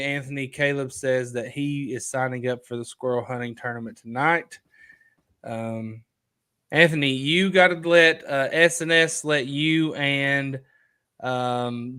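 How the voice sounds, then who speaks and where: A man's voice: medium pitch, sharp tone. Talkative man hosting a live chat. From Kentucky. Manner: loose and talkative, reads out viewer comments, jumps between topics. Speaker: livestream host.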